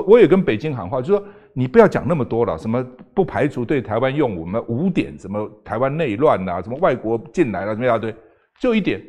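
Older guy on a talk show, rapid-fire, voice jumps all over, pushy questions. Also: mid-range voice, dark tone. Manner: emphatic, rapid-fire arguing with rhetorical questions. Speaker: guest. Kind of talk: political talk show debate.

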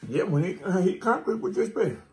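A man's voice: high voice, very animated, brisk, darkish tone. A man co-hosting a food video, talking with his mouth partly full and teasing his partner in casual banter. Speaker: mukbang co-host. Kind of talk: casual chat while eating.

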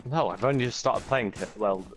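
A man's voice: lowish voice, brisk, slight background noise. A man playing an online game in voice chat, calling out enemy positions to his team. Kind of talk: voice chat while gaming.

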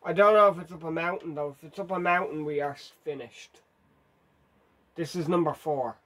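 Male gameplay commentator, slightly high voice, frantic and self-deprecating. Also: normal speed, a bit bright. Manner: frantic, self-mocking, urgent. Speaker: gaming video host.

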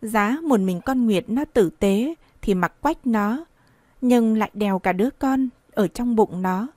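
A woman's voice: a little high, a little slow, darkish tone, no room sound. A woman reading the part of an evasive young man who soothes his lover, in a coaxing, reassuring tone. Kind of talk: audiobook dialogue reading.

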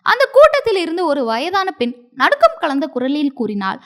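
A woman narrating a story in an expressive, dramatic storybook style. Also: sits high, moderate pace.

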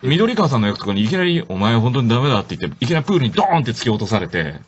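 A man on a radio show talks fast, and his pitch swings widely as he acts out lines in sudden bursts, excited and playful. The broadcast sound is dull, with steady noise underneath. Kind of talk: animated casual chat.

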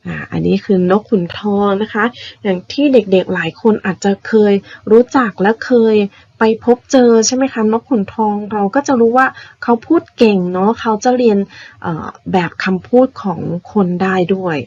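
A woman primary school teacher patiently explaining vocabulary words to young children, spelling them out slowly. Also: mid-range voice, darkish tone, husky, lo-fi sound. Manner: patient, spells words out slowly, ends phrases with polite particles.

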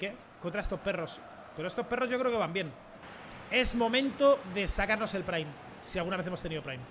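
Loud excitable gamer. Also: male voice, sits high. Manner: loud outbursts, swearing and repeated catchphrases. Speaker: gaming streamer. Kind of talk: excitable gameplay commentary. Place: his bedroom at home.

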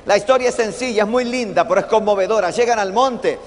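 A man's voice: high-pitched, quick pace, long reverb tail, a little hiss or hum. A man preaching a sermon to a congregation, building to emphatic peaks and asking the people to repeat his phrases. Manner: builds to emphatic, loud preaching and drops to quiet, intimate appeals. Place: church.

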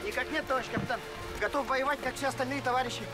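An eager young corporal in a war drama, loud and formal. The voice is very high and extremely quick, with loud music behind. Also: male voice, steady tone. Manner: loud, formal military reporting. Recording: loud music over film dialogue.

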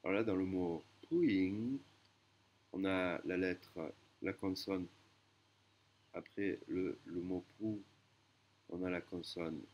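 A man teaching a language lesson, explaining slowly with hesitations and self-corrections. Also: low-pitched, highs cut off.

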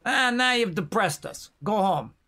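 A man voicing a gruff, washed-up male pirate loafing on a street corner, talking loud and blustery. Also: high-pitched, lively intonation, a little slow, full character voice. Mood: grumbling.

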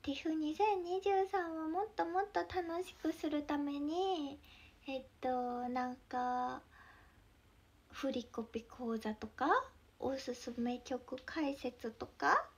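A young woman with a Mie dialect accent, chatting casually on a livestream, giggling often and sometimes dropping into soft whispers. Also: high voice, steady tone, slow pace. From Mie Prefecture, Japan. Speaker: idol livestreamer.

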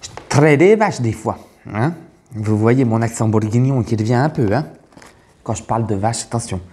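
This comic sketch features a man as a taste-tester: a brash, crude, middle-aged female farmer from the countryside who speaks with a Burgundian accent. His voice is warm, animated, and medium-pitched at normal speed, close to how he'd sound every day.

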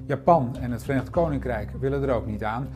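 A man's voice: mid-range voice, fast, a little mellow. Male documentary presenter over music. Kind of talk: scripted documentary narration.

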